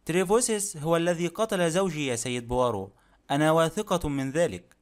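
A man's voice: on the high side, a little fast, natural voice. A man reading an audiobook, voicing a stubborn, self-assured elderly widowed woman who speaks firmly. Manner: firm, self-assured speech.

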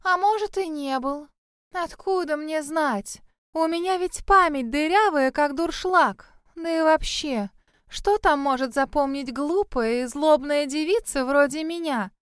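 A spiteful, gossipy spirit girl from a storybook, who lives in a well and talks high and sly, as a woman reader puts her on. She is scornful and quick to mock, recorded dry and close. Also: animated, no room sound. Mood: sarcastic. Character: mocking gossipy female spirit living in a well.

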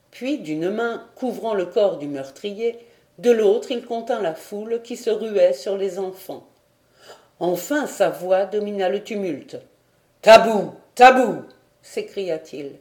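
Slow, dark-toned woman reading an audiobook. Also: mid-range voice. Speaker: audiobook reader. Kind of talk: audiobook narration of a classic novel.

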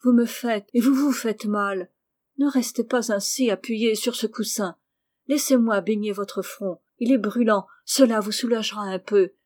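Woman reader voicing Rose: earnest storybook girl, tender and emotional, voice lifted a little higher, mellow tone. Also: steady tone, normal speed, lightly acted. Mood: urgent pleading. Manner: pleading, emotional, motherly. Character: teenage girl Rose, tender anxious caring cousin.

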